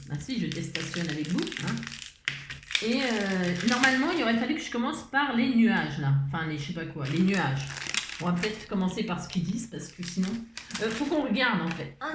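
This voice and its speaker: A woman hosting a casual crafting tutorial. She rambles, often changes her mind mid-sentence, and chuckles a lot as she talks. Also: a little high. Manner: chuckles often while talking. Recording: roomy echo, faint background noise.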